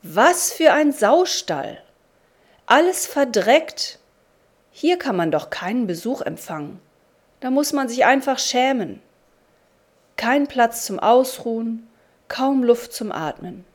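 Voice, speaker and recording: A woman voicing a flustered man who exclaims loudly and anxiously in a slow spoken story. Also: fairly high pitch, lively intonation, voice pushed up. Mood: dismayed. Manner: exclaiming, loud and agitated. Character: flustered middle-aged man, panicky homeowner.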